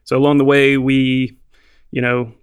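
A man's voice: mid-range voice, flat delivery, moderate pace, clear, resonant tone. An American man from southern Virginia in his twenties, co-hosting a podcast in casual, hesitant chat full of fillers and restarts. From southern Virginia, USA. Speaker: podcast co-host, cinema staff member.

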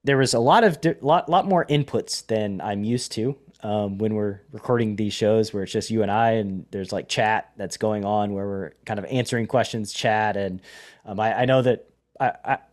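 A man's voice: on the low side, moderate pace. A man hosting a poker podcast, chatting casually in a rambling, self-deprecating way with repeated words. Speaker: podcast host, poker coach. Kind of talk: casual podcast chat and hand commentary.

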